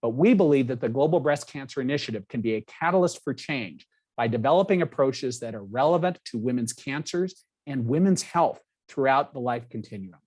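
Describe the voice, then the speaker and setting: A man giving a formal health presentation in a measured, clear way. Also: mid-range voice, lively intonation, a little mellow.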